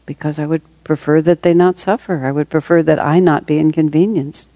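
A woman's voice: sits low, fairly even intonation, a little fast, dark tone, no room sound. A woman giving a reflective, conversational spiritual talk to a group, taking questions as she goes. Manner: reflective and conversational, with light laughs. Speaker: spiritual teacher.

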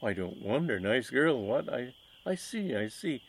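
An amiable, bewildered young gentleman with a mild, stammering upper-class English manner, as a man puts him on. Easygoing and a little lost, his voice stays close to the narrator's own. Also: medium pitch, big pitch swings, measured pace, breathy edge, full character voice. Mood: puzzled.

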